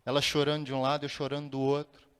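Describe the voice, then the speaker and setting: A man giving a spiritist lecture, telling a personal story with dramatic pauses and sudden rises in his voice. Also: mid-range voice, monotone, clean tone. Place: large lecture hall. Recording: long reverb of a lecture hall.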